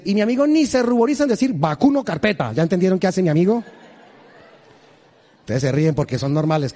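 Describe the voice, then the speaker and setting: A man's voice: high voice, a little mellow. A man from Colombia, preaching a humorous storytelling sermon and quizzing the congregation. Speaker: pastor. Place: large church in Houston. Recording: reverberant church hall.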